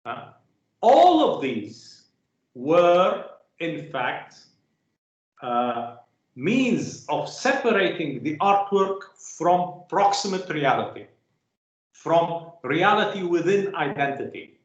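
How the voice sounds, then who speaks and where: Halting male lecturer in an echoey room. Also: a little high, big pitch swings, muffled recording. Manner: halting, many filler sounds, rhetorical "huh?" checks. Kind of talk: academic lecture.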